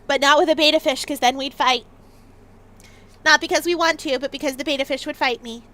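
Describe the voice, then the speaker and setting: A woman livestreamer chatting playfully in an excitable, bouncy way, often repeating words for emphasis. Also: high-pitched, a little fast.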